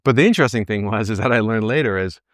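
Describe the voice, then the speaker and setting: Leading a group session on back pain, a coach in his early forties gives a casual, motivational talk, often checking in with "right?" and voicing his own thoughts as quotes. His fairly low voice is expressive and rapid-fire with a fairly bright tone. The recording is dry and studio quality.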